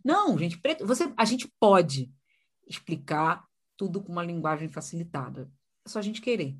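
A woman, a podcast host chatting casually and acting out lively voices when she quotes people. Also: lowish voice, moderate pace, breathy edge. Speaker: podcast host and event presenter. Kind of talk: casual conversation.

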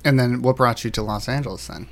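A man hosting a podcast, asking questions in a relaxed, reflective way during a casual interview. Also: medium pitch, quick pace, a little hiss or hum. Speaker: podcast host.

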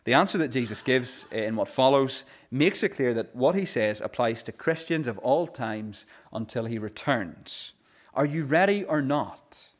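Preaching with earnest conviction, this male pastor has an expressive, mid-range voice. Scripture readings come more slowly, and he frequently echoes his opening words as a phrase begins.

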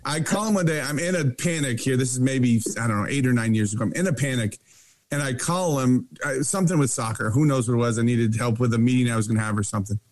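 A man co-hosting a casual podcast interview, an animated storyteller who often repeats and restarts his phrases. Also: mid-range voice, quick pace. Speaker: co-host.

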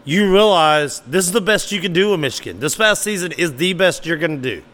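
Bright-voiced animated sports podcast man. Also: fairly high pitch, brisk. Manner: animated, mock-arguing with imagined listeners. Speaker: podcast host. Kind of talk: solo sports talk podcast.

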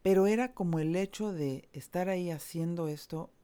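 A woman's voice: on the low side, moderate pace, dark tone, smooth. A middle-aged woman with a Mexican accent telling a personal story in casual, slangy talk, swearing freely and speaking with open emotion.

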